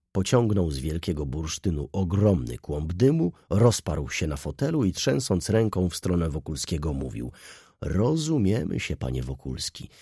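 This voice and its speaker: A man narrating a classic novel as an audiobook in a measured, expressive reading. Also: low-pitched, slightly rough, dry recording, clean studio sound. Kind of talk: scripted literary narration.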